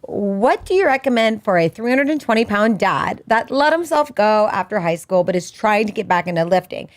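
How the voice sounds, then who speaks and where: A woman's voice: mid-range voice, expressive, moderate pace, a little hiss or hum. A woman co-hosting a show in a casual, chatty style.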